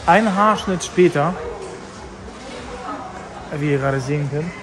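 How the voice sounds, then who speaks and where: A man's voice: on the high side, slow pace, over loud music. A man vlogging outdoors by a market hall, talking in a hyped, slangy way and repeating himself. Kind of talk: casual vlog commentary. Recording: street noise outdoors.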